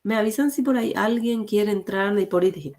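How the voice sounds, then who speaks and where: A woman's voice: mid-range voice, brisk, a little mellow. A woman teaching an online class, explaining grammar step by step with frequent fillers and two languages mixed together.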